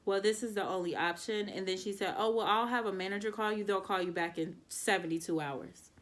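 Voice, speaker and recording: A young woman vlogging to camera, telling an exasperated storytime in a casual, animated way and talking straight to her viewers. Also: medium pitch, a little fast, a little hiss or hum.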